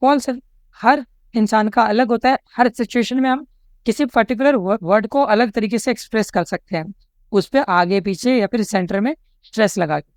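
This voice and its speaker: An Indian woman tutors through past exam questions one by one, stopping after nearly every point to check in. Her voice is smooth and clear. It sounds dry and close, with almost no room around it. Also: medium pitch, a little mellow, dry recording. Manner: says "theek hai" and "chalo" after nearly every step; reads English question lines slowly and deliberately. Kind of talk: explaining exam questions step by step.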